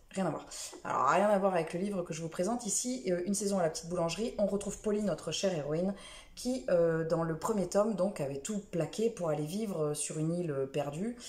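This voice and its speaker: A woman's voice: on the low side, normal speed, dark tone. Chatty woman in an echoey room. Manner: chatty, rambling, many fillers and self-corrections. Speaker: book vlogger. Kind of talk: casual book review chat.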